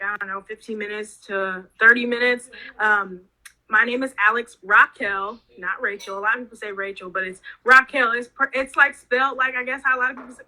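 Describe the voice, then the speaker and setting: Bright, rambling young woman host. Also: a little high, rough recording. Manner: rambling, heavy use of "like". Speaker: podcast host. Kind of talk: casual interview chat.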